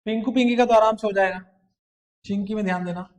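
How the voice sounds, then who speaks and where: The voice is a man's, high and steady, and he talks fast. He's from India, running an accounts lecture in which he keeps questioning students to draw them in and mixes terminology into his speech.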